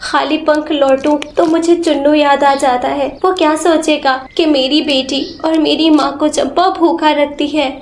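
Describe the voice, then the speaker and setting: A woman's voice: high-pitched, fairly even intonation, unhurried, hardly any pauses. A woman voicing a young sparrow widow who speaks through tears but stays brave, in a storybook tale. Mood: resolute. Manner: tearful, sobbing. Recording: roomy echo.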